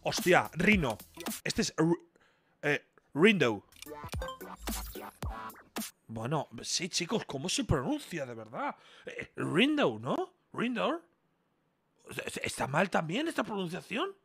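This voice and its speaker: A young man with an accent from Spain commentating a quiz game live on stream. His voice is bright and forceful, and he swears often and bursts into excited shouts. Faint music plays behind him. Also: on the high side, takes it slowly, pauses often.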